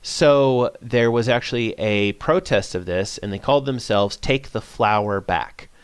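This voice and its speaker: A man presenting a science-communication webinar in a relaxed, conversational way, full of "uh" fillers and small self-corrections. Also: fairly low pitch, measured pace, clean tone, no echo. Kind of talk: informal webinar talk.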